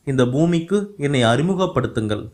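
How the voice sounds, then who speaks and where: A man's voice: medium pitch, animated, moderate pace, darkish tone, lightly acted. A man voicing a sensitive, poetic young man who speaks in a lofty, declamatory way, read in an audiobook. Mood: impassioned.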